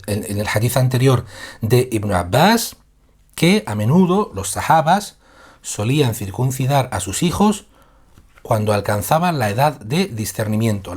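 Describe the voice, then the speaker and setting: A man's voice: mid-range voice, husky. A man from Spain with a Spanish accent, giving a casual live-streamed religious lesson, laughing through apologies and then explaining patiently. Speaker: Islamic teacher.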